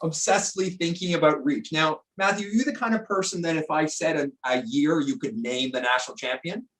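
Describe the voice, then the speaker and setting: Guy hosting a chill interview, kinda high voice, chatty, keeps restarting his sentences. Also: fairly quick, a bit bright. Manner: chatty, jokey, trailing restarts. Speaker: interview host. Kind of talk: casual online interview.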